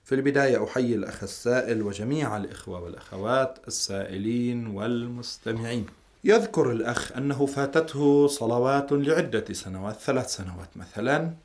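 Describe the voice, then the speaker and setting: Fast-talking male cleric explaining in formal Arabic. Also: medium pitch, darkish tone. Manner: explanatory, repeats key points. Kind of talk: religious question-and-answer in formal Arabic.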